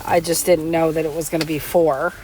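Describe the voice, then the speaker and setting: A woman chatting casually as a parent, excitable and quick to laugh, asking her partner questions. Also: sits low, a little hiss or hum. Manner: excitable, laughs often, animated. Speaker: parent and interviewer. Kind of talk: casual chat.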